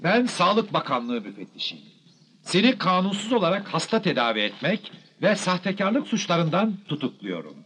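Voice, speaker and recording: Stern inspector, very animated pitch. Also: male voice, moderate pace, slight background noise. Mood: stern, accusing. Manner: formal, authoritative. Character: stern, accusing male government health inspector. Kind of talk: comedy film acting.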